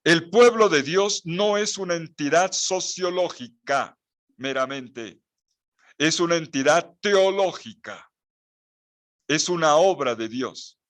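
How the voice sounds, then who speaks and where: A man, a priest giving a Bible lecture, teaching with slow emphasis and repeating key phrases. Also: fairly high pitch, animated, a bit bright. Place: house with a mountain view.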